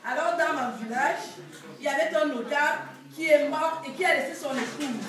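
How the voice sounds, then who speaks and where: A woman from Cameroon with a Cameroonian French accent, telling animated stand-up stories and acting out village characters. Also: high-pitched. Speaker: stand-up comedian. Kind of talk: stand-up storytelling. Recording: echoey room from far off.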